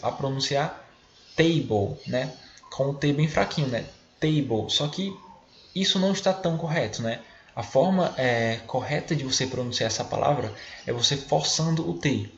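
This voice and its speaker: A Brazilian man teaching an English vocabulary lesson to children in a patient, explanatory way, repeating words slowly to model pronunciation. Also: mid-range voice, reverberant, dull audio, a little hiss or hum. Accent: Brazilian Portuguese. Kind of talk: recorded online class for children.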